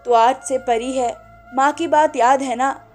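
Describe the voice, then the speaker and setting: A woman's voice: high-pitched, steady tone, a little slow, a little mellow, faint music behind. A woman narrator voicing a caring, protective young woman who speaks earnestly through tears.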